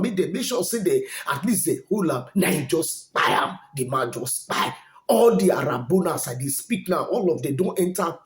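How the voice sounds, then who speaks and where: A man with a Nigerian accent giving casual commentary on the news in a colloquial, repetitive storytelling manner. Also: fairly high pitch. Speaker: online commentator. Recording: roomy, echoing voice recording.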